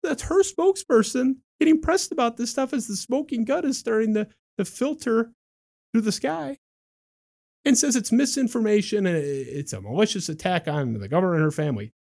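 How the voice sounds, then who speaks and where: A man's voice: sits high, animated, moderate pace, creaky, darkish tone. A man hosting a talk show, delivering a sarcastic, exasperated political monologue and mocking the statements he reads out. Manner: sarcastic, exasperated, reads quotes aloud and mocks them. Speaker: podcast host.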